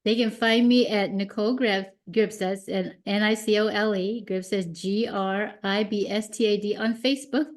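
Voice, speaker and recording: A woman's voice: mid-range voice, fairly even intonation, normal speed, few pauses. A woman in her fifties, a mindset coach guest on a podcast, talking animatedly and acting out her own thoughts in quotes, sometimes repeating words as she restarts. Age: 50s. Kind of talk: podcast interview.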